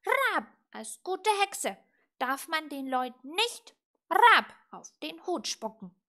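A woman doing a shrill croaking scolding raven. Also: big pitch swings, slow pace, bright, forceful tone, full character voice. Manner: croaks "Rab" between his words. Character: stern croaking male raven, a witch's scolding companion. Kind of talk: storybook reading.

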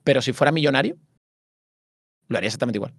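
Fast-talking man, swears a lot. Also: mid-range voice, gravelly, no echo, studio quality. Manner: swearing, animated and self-mocking. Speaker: streamer and interview guest. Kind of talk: casual interview chat.

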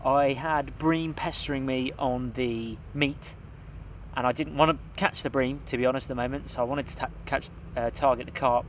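A young man co-hosting a fishing show sits at a lakeside and talks through his tactics in a medium-pitched voice at normal speed. His casual outdoor commentary is relaxed and confiding, hesitant with ums, over slight background noise.

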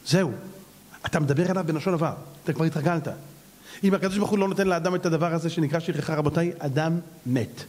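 A man, a rabbi, preaching a sermon as a lively storyteller who acts out the characters. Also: fairly high pitch.

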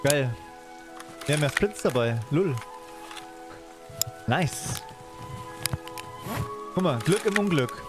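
A man's voice: a little high, animated, slow, long pauses, music in the background. A man in his thirties chatting casually as he streams his gameplay from a room indoors. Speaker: game streamer. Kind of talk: casual live gaming chat.

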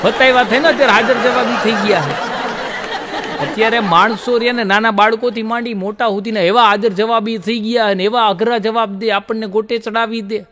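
Male folk comic, high voice, long hall reverb. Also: fairly even intonation, a little fast, pushed and bright, a faint crowd, slight background noise. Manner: jokey storyteller, laughs at own punchlines. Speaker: comedian. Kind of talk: Gujarati folk comedy storytelling.

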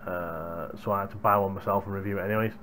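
A young hardware reviewer's voice sits low yet has a fairly bright tone, steady and quick as he casually chats to viewers in a vlog. He speaks into a gaming headset boom microphone in a small room at home, where there's slight background noise.

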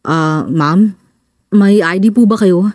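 A woman voicing a polite male security guard in an audiobook, in a lowered voice. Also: takes it slowly, a little mellow, dry recording, clean studio sound. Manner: polite, matter-of-fact.

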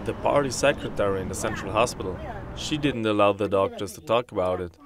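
A man giving interview testimony, his voice electronically distorted and deepened to hide his identity, speaking bluntly and accusingly. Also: brisk, noisy background. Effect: voice distorted to disguise identity, deep. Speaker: interviewee, resident.

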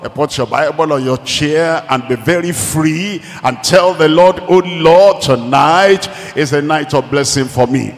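A man delivers a sermon as pastor, with a slightly high voice and unhurried, emphatic phrasing. He leads call-and-response and repeats key lines. His voice rings out with a long reverb, as if in a large church hall.

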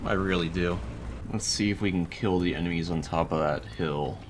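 Young guy chatting over gameplay, kinda low voice, dry jokey tone, bit of noise. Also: moderate pace. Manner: dry, wry, laughs often. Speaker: gaming YouTuber. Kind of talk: casual gameplay commentary.

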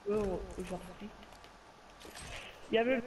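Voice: medium pitch, slow pace. A young gamer bantering and teasing in French suburban street slang over a poor game-chat microphone. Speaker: video game player. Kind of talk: casual gaming banter. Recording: noisy poor voice-chat microphone, voices behind.

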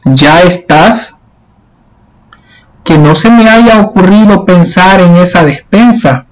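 A male teacher reading a stern old aunt's scolding lines from a storybook, slow and drawn out. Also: high voice, low-quality recording.

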